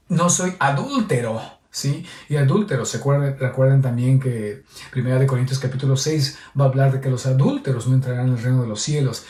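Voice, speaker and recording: A man's voice: medium pitch, darkish tone. A priest giving a homily on a Gospel reading in a teacherly way, often checking in with his listeners. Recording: echoey, voice heard from a distance.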